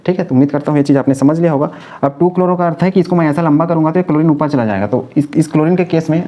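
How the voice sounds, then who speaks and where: Fast-talking man teaching chemistry. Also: a little high, dark tone. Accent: Hindi-speaking North Indian. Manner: explains step by step, repeats key terms, asks and answers own questions. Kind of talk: classroom lecture.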